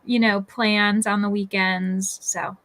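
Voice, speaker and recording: A woman's voice: mid-range voice, flat delivery, slow, fairly bright tone. A woman joining a casual livestream as a guest, agreeing often and chatting easily. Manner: agreeable, frequent mm-hmms. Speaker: guest streamer. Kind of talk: casual chat.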